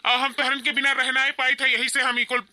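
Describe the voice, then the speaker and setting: A man's voice: extremely high pitch, little pitch movement, a little fast, bright, forceful tone, full character voice. A man voicing a homesick young husband in a cartoon, speaking with an Awadhi accent in a pleading, affectionate way. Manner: pleading, affectionate village speech. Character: homesick young husband back from abroad, doting. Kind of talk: home-made cartoon voice acting.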